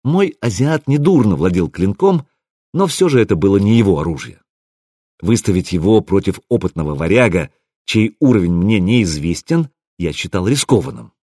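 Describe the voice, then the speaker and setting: A man narrating an audiobook in the first person, with an expressive, wry delivery. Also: on the low side, moderate pace, no room sound, clean studio sound.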